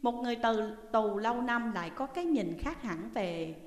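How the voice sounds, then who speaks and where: A woman calmly narrating a first-person memoir as an audiobook reader. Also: on the high side, normal speed. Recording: echoey reverberant room.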